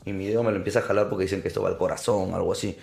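Podcast guest: young man, low gravelly voice, animated storyteller, faint music behind. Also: rapid-fire. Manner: animated storyteller, addresses listener as brother. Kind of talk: storytelling in casual interview.

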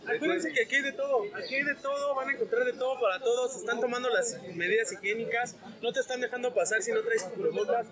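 A man's voice: very high voice, fast, few pauses, a crowd in the background. A man with a Mexican accent, vlogging casually and joking in slang as he tours an outdoor street market. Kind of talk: casual walking vlog.

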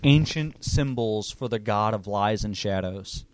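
A man's voice: fairly low pitch, unhurried, a little hiss or hum. A man running a tabletop game as game master, narrating in a laid-back, dry way.

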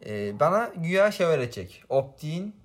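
A man's voice: on the high side, sing-song, a little fast. A young man casually telling childhood stories to friends, laughing often and using slang. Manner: storytelling with frequent laughs and slang. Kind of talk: casual chat among friends.

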